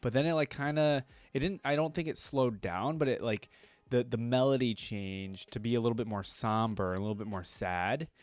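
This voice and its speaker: Orchestral music from the track he's reviewing plays behind a male video creator. He reacts in a casual, enthusiastic, exclamatory way, with a medium-pitched voice, a moderate pace, and a dry recording.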